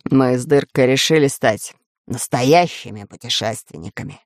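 A woman voicing a red-bearded male pirate who grumbles and bellows in a slow drawl. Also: very deep voice, lively intonation, vocal fry, no room sound, studio quality, pitched below the performer's own voice, heavily acted. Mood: sly.

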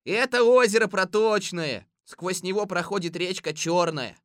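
A man voicing an eager young male sidekick who chatters excitedly. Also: a little slow, no room sound, clean studio sound. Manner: excited, high-pitched chatter. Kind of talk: audiobook character voice.

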